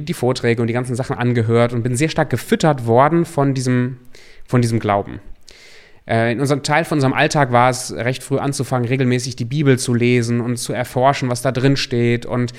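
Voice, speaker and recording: Speaking at a medium pitch, this man from Germany addresses listeners of his podcast in a reflective, earnest personal monologue. He works as a coach.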